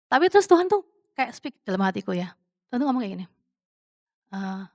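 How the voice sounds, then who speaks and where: Chatty woman preacher, fairly high voice. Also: big pitch swings, a little fast, a little mellow, dry recording, studio quality. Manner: chatty and conversational, with frequent fillers and English words mixed in; rhetorical questions to the congregation. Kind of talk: casual testimony-style sermon.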